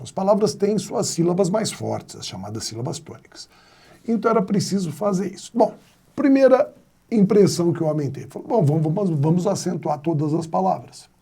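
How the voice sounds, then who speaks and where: A man's voice: fairly high pitch, creaky, mellow, slightly rough. A man teaching a grammar video lesson, explaining step by step and posing rhetorical questions to his students. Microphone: wired mic.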